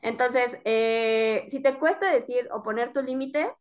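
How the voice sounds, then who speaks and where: A woman chats on a podcast in a fairly high voice. She keeps the talk loose and full of fillers, often stopping to correct herself. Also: unhurried. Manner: chatty, many fillers and self-corrections. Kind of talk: casual podcast chat.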